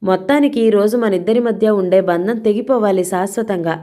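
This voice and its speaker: A woman's voice: medium pitch, a little fast, warm tone, lightly acted. A woman voicing a furious husband who threatens his wife with harsh, commanding words in a read-aloud crime story. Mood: menacing.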